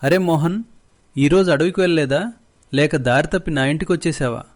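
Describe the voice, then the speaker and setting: A man's voice: mid-range voice, normal speed, a little mellow, close to an everyday voice. A man voicing a greedy middle-aged village headman who talks with sarcasm and scorn. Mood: sarcastic.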